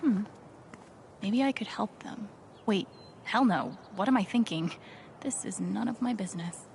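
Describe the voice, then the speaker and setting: A woman's voice: mid-range voice, measured pace, gravelly, noisy background. A woman acting a kind, self-doubting young woman in a video game, musing hesitantly. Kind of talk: video game dialogue and inner monologue.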